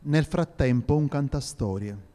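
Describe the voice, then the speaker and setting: A man narrating a stage drama in a theatrical, measured way. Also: medium pitch, warm tone. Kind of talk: scripted narration. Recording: reverberant hall with faint music.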